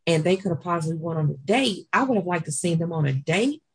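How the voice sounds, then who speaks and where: A woman co-hosting a casual chat about a reality dating show, thinking out loud in long rambling explanations. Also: fairly low pitch, animated, quick pace, breathy edge, low-quality recording.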